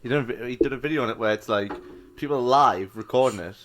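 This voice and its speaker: Young lad on a podcast, jokey, swears a lot, regular mid voice. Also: male voice, medium pitch, fast, fairly bright tone. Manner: banter-heavy, swears freely, breaks into laughs. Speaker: podcast co-host. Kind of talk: casual chat.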